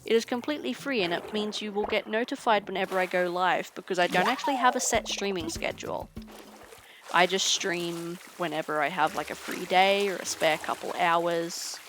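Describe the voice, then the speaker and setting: A young woman game streamer chatting casually while she plays, tired and low on energy, rambling with frequent ums. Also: moderate pace. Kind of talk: casual chat while gaming. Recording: noisy game audio behind.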